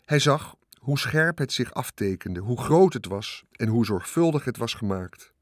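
Calm male audiobook narrator. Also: mid-range voice, no room sound, studio quality. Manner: calm, measured storytelling.

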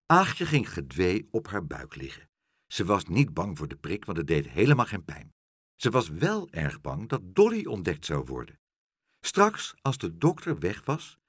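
Male storyteller, husky, very lively pitch, children's tale. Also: normal speed, no echo, clean studio sound. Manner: expressive, doing all the voices. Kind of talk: children's story read aloud.

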